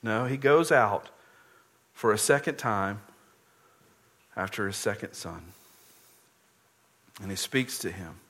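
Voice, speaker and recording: A man's voice: on the low side, animated, slow, long pauses, fairly bright tone. A man preaching a sermon, earnestly explaining scripture and often repeating words as he goes.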